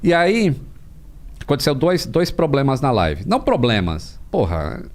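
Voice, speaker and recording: Animated Brazilian man telling stories. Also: medium pitch, measured pace. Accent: Brazilian Portuguese. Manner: animated storytelling with frequent slang and swearing. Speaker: podcast guest, aviation creator. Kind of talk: casual podcast chat. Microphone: studio podcast mic.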